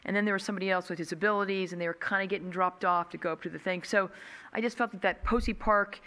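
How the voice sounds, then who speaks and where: Middle-aged woman, council member, bright voice, loose conversational remarks at a meeting, desk mic. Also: lowish voice. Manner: conversational, many ums, gestures with both hands. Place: council chamber, seated at dais. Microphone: desk gooseneck mic.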